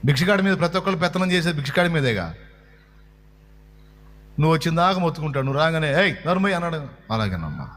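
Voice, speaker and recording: A man's voice: a little high, sing-song, fast talker, long pauses, a bit bright, a little hiss or hum. A man preaching a colloquial sermon, talking conversationally and putting questions to his listeners.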